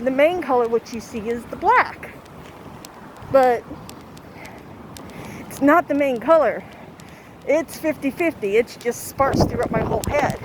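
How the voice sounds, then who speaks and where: A woman chatting casually and haltingly to her vlog viewers, outdoors in strong wind. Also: high voice. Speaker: vlogger. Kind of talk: casual rambling vlog chat. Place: outdoors in windy weather. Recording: loud wind noise, outdoors.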